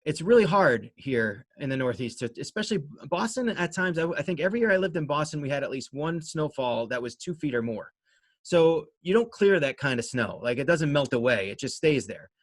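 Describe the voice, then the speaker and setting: A man's voice: on the high side, big pitch swings, fairly quick, no room sound. Rambling, self-deprecating man chatting, dry close sound. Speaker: interview guest, amateur runner and race organizer. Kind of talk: casual conversational interview answers.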